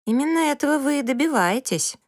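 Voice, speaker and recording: A woman doing a sassy, high-voiced teenage girl. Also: lively intonation, a little fast, no echo, studio quality. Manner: high-pitched, sassy, emphatic. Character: pert, dramatic teenage girl, quick to sulk.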